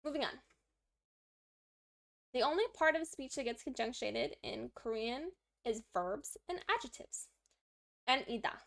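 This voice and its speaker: A woman's voice: fairly high pitch, animated, unhurried, gravelly, long pauses, a bit bright. A woman on a live study stream, reading lesson text aloud and chatting to herself as she writes out examples in an upbeat way. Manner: upbeat, talks to herself while working through examples. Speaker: livestreaming language learner.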